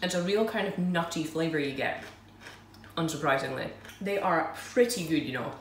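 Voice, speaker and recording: A woman's voice: sits low, moderate pace. A woman chatting casually as she unboxes and tastes snacks, self-deprecating and giggly. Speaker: food vlogger. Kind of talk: casual unboxing and tasting review. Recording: roomy echo, mic at a distance, faint noise.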